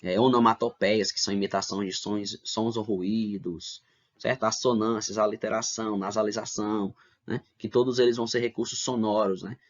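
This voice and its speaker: A man's voice: on the low side, steady tone, normal speed. A man teaching an online lesson, explaining step by step and checking in with "né?" and "tá bom?". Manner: explains step by step, asks rhetorical questions, adds "né?" and "tá bom?". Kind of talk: online lesson for middle school. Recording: dull lo-fi lesson recording.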